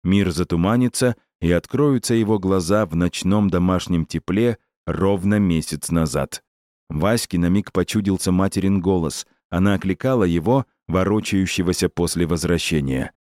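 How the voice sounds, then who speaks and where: Low-voiced man narrating an audiobook. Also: moderate pace, a little mellow, dry recording, studio quality.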